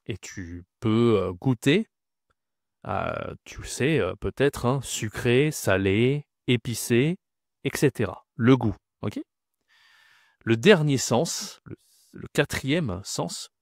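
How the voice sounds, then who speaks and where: A male French teacher gives a vocabulary lesson at a slow, deliberate pace. He repeats each word with care and keeps checking that the learner follows. The sound is dry and close, with no room echo. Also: mid-range voice.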